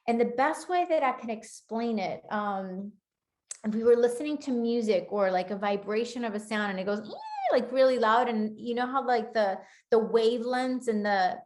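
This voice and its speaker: A woman with a Spanish accent gives a channeled spiritual talk in an earnest, flowing way, often slowing down to stress words. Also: a little high, darkish tone. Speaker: spiritual teacher.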